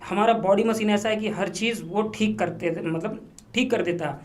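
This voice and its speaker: A man talking as a podcast guest, telling a story in a lively, repetitive way and dropping English words into his speech. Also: high voice, moderate pace. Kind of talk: casual storytelling interview. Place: podcast studio.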